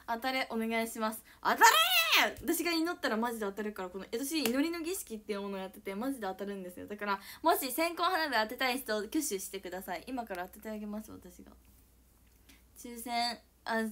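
A young woman with an Okayama accent, somewhat high-voiced, chatting on her idol live stream. She reads viewer comments, bursts into squeals and giggles, and then drops to a near whisper. The talk stays loose and casual throughout. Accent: Okayama Japanese. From Okayama, Japan. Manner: animated, swings from squealing shouts to soft whispers, frequent giggles.

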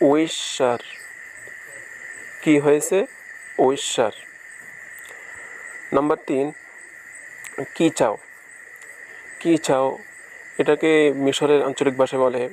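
A man teaching phrases one by one, saying each one slowly and repeating it. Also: fairly high pitch, a little mellow, a little hiss or hum, poor audio. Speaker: language teacher. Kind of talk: phrase-by-phrase language lesson.

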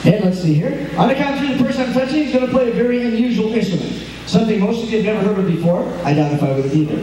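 A man's voice: high-pitched, lively intonation, rapid-fire, warm tone. A man working a live stage show as a hypnotist, teasing and playful with volunteers, recorded on a distant home video camera in a large hall. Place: large hall at an after-prom event. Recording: echoey hall, far from camcorder, noisy.

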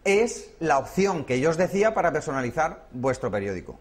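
A man's voice: a little high, big pitch swings, fairly quick. A man teaching a hands-on workshop class, explaining step by step and often checking in with his listeners. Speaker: workshop instructor.

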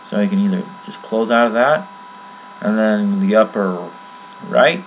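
A man giving a casual, rambling screen-recorded software tutorial from his computer at home, with many fillers. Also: on the low side, a little slow, slight background noise, low-quality recording. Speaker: tutorial maker.

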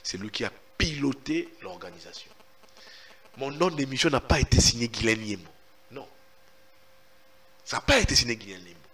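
A man's voice: medium pitch, lively intonation, normal speed, long pauses, a bit bright. A man speaking French with a Congolese accent, a journalist giving emphatic, insistent answers in an interview. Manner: emphatic and insistent, repeats himself. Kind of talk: animated interview answers, mixing in Lingala.

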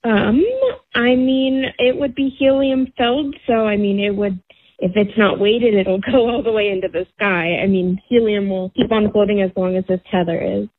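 A woman's voice: medium pitch, steady tone, normal speed. A woman, a store worker talking casually on a phone call. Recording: dull phone line, faint music.

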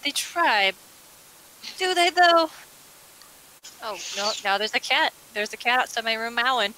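A woman's voice: a little high, expressive, a little slow, bright, forceful tone, rough recording. A woman chatting casually and playfully during a game session, often breaking into laughter.

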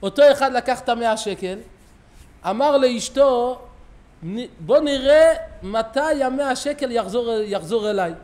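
High-voiced rabbi telling stories. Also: male voice. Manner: animated storyteller, acting out quoted dialogue. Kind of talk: sermon with storytelling. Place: synagogue.

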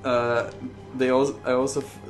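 A man's voice: mid-range voice, level tone, moderate pace, reverberant, faint music behind. A young man chatting casually over a horror game, rambling and swearing, often restarting his sentences. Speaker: let's play commentator.

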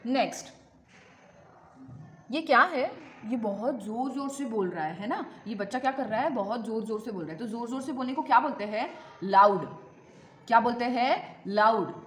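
A woman teaching kindergarten children in a slow sing-song way, asking questions and repeating each word pair for them. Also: fairly high pitch, a little hiss or hum. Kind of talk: children's lesson with questions and answers.

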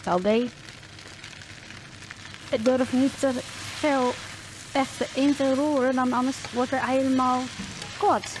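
A woman's voice: high-pitched, fairly even intonation, slow, long pauses, slight background noise. A woman hosting a cooking video, chatting casually as she explains each step at the stove. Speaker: cooking channel host.

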